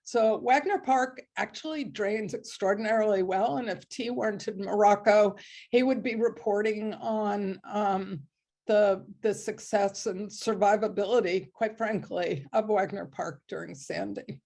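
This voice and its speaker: Hoarse woman presenting slowly. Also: mid-range voice, warm tone. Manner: slow and deliberate, with many ums. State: hoarse, coughing. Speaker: landscape designer presenting. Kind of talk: online presentation.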